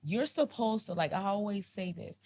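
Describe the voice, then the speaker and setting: On an earnest podcast, a female co-host makes an impassioned, repetitive plea to her audience. She speaks at a moderate pace in a mid-range, slightly mellow voice with lively intonation, and there's a bit of background noise.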